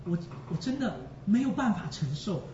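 Male preacher, high and lively voice, emotional, repetitive; distant, echoey, dull recording. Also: moderate pace, slight background noise. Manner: emotional, repeats phrases for emphasis; addresses the congregation directly. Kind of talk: sermon.

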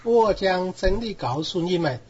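A man reading scripture aloud in a steady, measured way. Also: sits high, slight background noise. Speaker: guest reader. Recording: dull lo-fi recording.

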